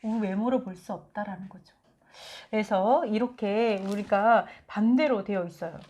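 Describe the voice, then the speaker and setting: A woman giving a conversational Bible teaching, lively and acting out quotes from scripture. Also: mid-range voice, normal speed. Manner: animated, acts out biblical quotes.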